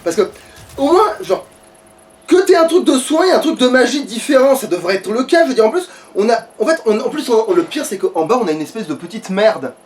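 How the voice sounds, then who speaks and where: A man with a high voice and big pitch swings talks briskly while playing a video game, chatting casually, commenting on his own play, and grumbling and swearing at it. A distant mic picks him up along with background noise.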